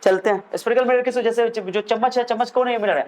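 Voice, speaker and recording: A man's voice: extremely high pitch, steady tone, fast, darkish tone, low-quality recording. A young man teaching a physics lesson, who asks questions and answers them himself, with chatty, jokey asides. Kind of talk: classroom lecture.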